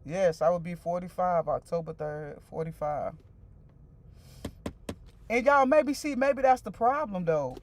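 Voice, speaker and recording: A woman in her forties hosts an easygoing stream in a fairly low voice with lively intonation, speaking a little slowly and leaving long pauses. She addresses viewers directly, answers their comments, and tends to repeat herself.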